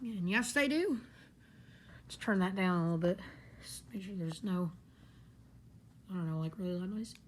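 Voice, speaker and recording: In a carpeted living room, a female gadget reviewer gives a casual, rambling hands-on demo while staying off screen, recorded on a handheld camera or phone. Her voice sits fairly low, and she talks at a moderate pace with long pauses. A slight noise hangs in the background.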